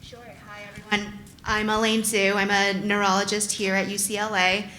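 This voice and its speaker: A woman neurologist speaks to patients at a live panel in an event venue, her mid-range voice completely flat and moving at a normal speed. Her tone is pushed and bright, and she sounds thoughtful and hesitant, with many ums. The audio quality is poor.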